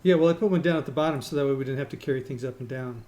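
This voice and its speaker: A man's voice: mid-range voice, rapid-fire, darkish tone. Man explaining a game with fillers. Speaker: gamer explaining the game to friends. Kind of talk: casual voice-chat gameplay talk.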